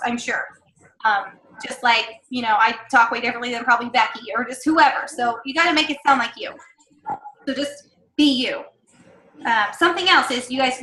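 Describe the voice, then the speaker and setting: A woman team leader runs a sales training in a high, sharp voice, chatty, upbeat, and encouraging, full of fillers and asides. The room echoes, and there's slight background noise.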